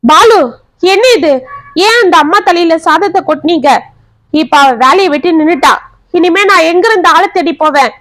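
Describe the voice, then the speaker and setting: A woman's voice: moderate pace, a bit bright, no echo. Woman voicing an anguished young wife. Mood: despairing. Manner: anguished, pleading, shrill when upset. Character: overwhelmed young working wife, anxious and tearful.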